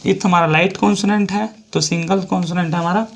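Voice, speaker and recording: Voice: mid-range voice, fairly even intonation, fast talker. A shorthand teacher with an Indian accent explaining a lesson step by step, repeating each example and spelling words out letter by letter.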